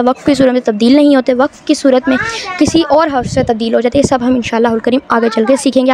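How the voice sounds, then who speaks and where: Her voice high yet darkish in tone, a woman gives a home video lesson on reading the Quran. She works through it step by step, stretching each word out slowly.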